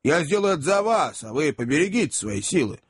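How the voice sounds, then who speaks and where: A man doing a sly, soft-hearted traveller. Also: a little high, very animated, a little fast, slightly rough. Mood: soothing. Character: sly, good-hearted male traveller, mysterious and teasing.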